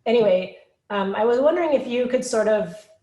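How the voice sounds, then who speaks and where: A woman's voice: fairly high pitch, lively intonation, brisk, warm tone. Hesitant woman teacher in an echoey room. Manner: hesitant, searching for words. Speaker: teacher asking a question. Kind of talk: online Q&A question.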